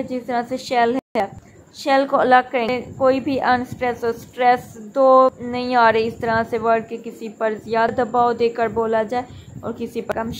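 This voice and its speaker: A woman teacher explaining a lesson step by step, slowly counting syllables aloud and mixing English terms into Hindi. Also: high-pitched, a little hiss or hum, poor audio.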